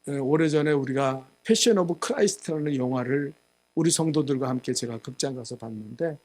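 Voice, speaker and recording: A male pastor giving a sermon, telling a story and acting out the quotes, growing loud at the high points. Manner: storytelling with acted quotes, rising loud at climaxes. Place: church sanctuary.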